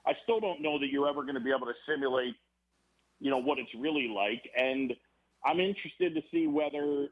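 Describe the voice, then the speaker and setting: Guy on a phone line, kinda tinny, rambly and animated, baseball broadcaster guest. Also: medium pitch, a little fast. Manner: rambling, animated storyteller with many restarts. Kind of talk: casual podcast conversation. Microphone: phone or remote call.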